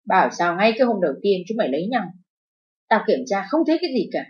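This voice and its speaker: A woman's voice: mid-range voice, lively intonation, fairly quick, natural voice. A woman voicing an abusive, furious middle-aged mother-in-law who shrieks and wails, in a narrated audio story. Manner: screeching, abusive, wailing. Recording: dull lo-fi with faint music.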